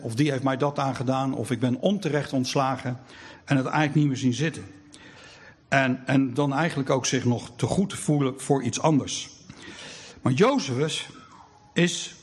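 A man's voice: medium pitch, darkish tone, slightly rough. A middle-aged man giving a sermon, telling stories in a conversational way with frequent hesitations. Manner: storytelling, conversational with many hesitations. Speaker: preacher.

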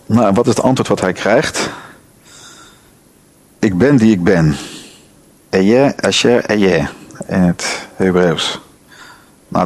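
Low-voiced man teaching from scripture. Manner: reads scripture aloud and asks the listeners questions. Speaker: Bible teacher. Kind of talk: Bible study talk.

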